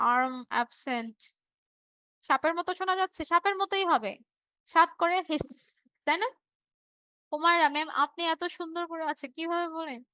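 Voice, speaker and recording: A woman's voice: high voice, sharp tone, no echo. A woman teacher from Bangladesh giving an online revision class, explaining patiently, repeating key words and checking in with her students.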